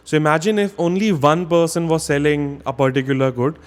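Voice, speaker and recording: A man's voice: a little high, steady tone, brisk. A man teaching a vocabulary lesson in a casual spoken style, explaining step by step and often checking in with "okay?". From India.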